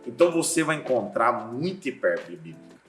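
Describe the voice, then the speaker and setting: Deep-voiced pastor telling lively stories. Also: male voice, fast talker, echoey room, faint music behind. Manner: lively storyteller, acts out scenes, laughs often. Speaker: seminary professor and pastor, guest. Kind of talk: casual podcast chat.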